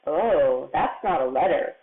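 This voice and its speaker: A woman teaching a remote kindergarten writing lesson, patient and slow, stretching out the sounds of words for young children. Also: sits low, expressive. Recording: tinny phone-like audio.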